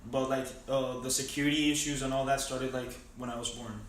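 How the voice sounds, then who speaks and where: A teenage boy from Venezuela answers questions haltingly, filling pauses and restarting his sentences. He sits at some distance from the mic in a very echoey room. His pitch is mid for a young man. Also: little pitch movement, slight background noise. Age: teens. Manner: hesitant, many fillers and restarts. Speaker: interviewee. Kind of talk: casual interview answers.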